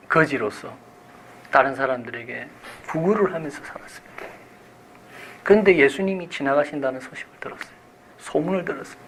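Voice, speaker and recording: A male pastor preaching a sermon, moving between hushed phrases and loud emphasis and asking his congregation questions that he then answers himself. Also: mid-range voice, slight background noise, rough recording.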